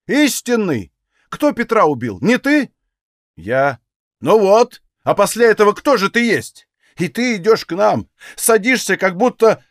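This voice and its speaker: A man's voice: high-pitched, big pitch swings, unhurried, no echo, clean studio sound, exaggerated voice. A man doing a scolding old Cossack mother. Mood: reproachful. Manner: sharp, scolding rural speech. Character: grieving old Cossack mother, bitter and harsh.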